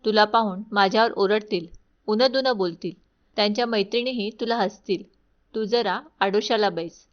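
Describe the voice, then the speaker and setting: Lady doing a snappy palace maid, lots of quick questions, muffled audio. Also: mid-range voice, lightly acted. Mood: dismissive. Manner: brusque, questioning. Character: curt young woman servant at a palace door. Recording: dull lo-fi recording.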